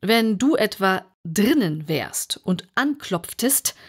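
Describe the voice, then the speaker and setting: A woman's voice: mid-range voice, sing-song, slow pace, slightly rough, heavily acted. A woman reading an audiobook aloud and voicing an aloof male footman who drawls his replies.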